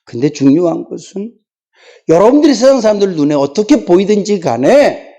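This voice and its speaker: Fervent woman pastor with a mellow voice. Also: mid-range voice, very animated, brisk. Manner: emphatic, pleading preaching that rises into fervent declarations; tells personal anecdotes with laughter. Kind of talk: sermon. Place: church sanctuary.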